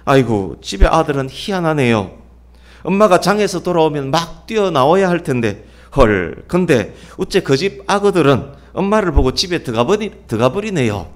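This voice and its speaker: A woman's voice: sits low, sing-song, normal speed. A meddling gossipy village neighbor woman, as a preacher puts her on. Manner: gossipy, feigned surprise.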